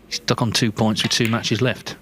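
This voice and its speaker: A man giving live snooker commentary in a measured, conversational, analytical way. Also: fairly low pitch, flat delivery, noisy background.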